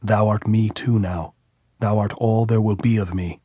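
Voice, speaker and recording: A man reading as a calm wounded soldier, husky and low. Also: unhurried, no room sound, clean studio sound. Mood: firm. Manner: calm, reasonable, with quiet authority. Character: wounded male American soldier, calm and commanding.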